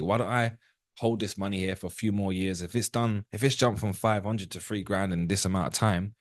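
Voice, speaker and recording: A trading educator in his thirties, this man speaks at a fairly low pitch during a live call. He keeps things casual and direct, regularly putting questions to viewers, in clean studio-quality audio without room sound.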